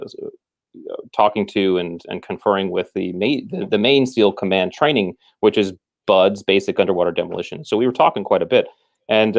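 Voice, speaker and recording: A man with a somewhat low voice speaks as a guest in a conversation. He explains his ideas in a measured way, often restarting his sentences. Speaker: guest, former military trainer.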